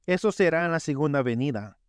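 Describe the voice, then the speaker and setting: A man delivers a sermon with earnest storytelling. His voice sits high and sounds smooth and resonant. The recording is dry and close, with no room sound. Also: expressive, fairly quick, no echo. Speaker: preacher.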